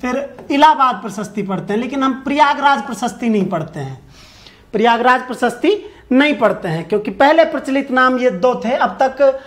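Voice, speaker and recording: A man's voice: very high voice, animated, normal speed, fairly bright tone. A male teacher giving an online exam-prep lecture. He poses questions, answers them himself and repeats key points for his viewers. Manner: addresses viewers directly, asking for answers in the comments.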